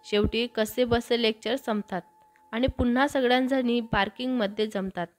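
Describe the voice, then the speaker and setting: A woman's voice: fairly high pitch, steady tone, moderate pace. Woman storyteller reading a romance. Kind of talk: scripted story narration. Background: faint background music.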